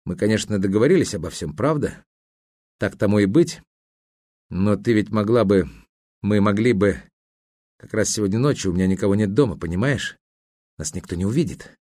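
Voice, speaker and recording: A man's voice: lowish voice, moderate pace, long pauses, dark tone, dry recording, studio quality, close to an everyday voice. A man reading the part of an agitated, selfish young male student who presses and pleads insistently. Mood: coaxing.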